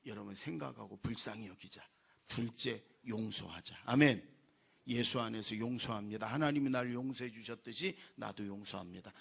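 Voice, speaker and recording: A man's voice: mid-range voice, vocal fry, bright, forceful tone, slightly rough. A man preaching a Sunday sermon as pastor, emphatic and exhorting his congregation, often calling for an amen. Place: church sanctuary.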